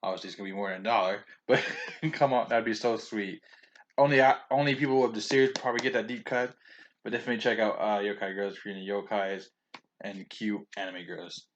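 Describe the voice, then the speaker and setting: Low-voiced man rambling through a haul. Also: steady tone, quick pace, muffled recording, slight background noise. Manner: rambling, restarts often, stumbles over names; chatty and opinionated, with frequent chuckles. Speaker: vlogger reviewing a manga haul. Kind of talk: casual rambling haul video.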